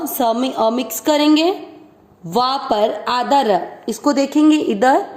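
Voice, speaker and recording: Woman, high voice, unhurried, as a patient recitation teacher in a roomy space. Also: darkish tone. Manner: patient, explains each syllable, chants the verse slowly and drawn out. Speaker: Sanskrit pronunciation teacher. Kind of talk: step-by-step recitation lesson. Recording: roomy echo.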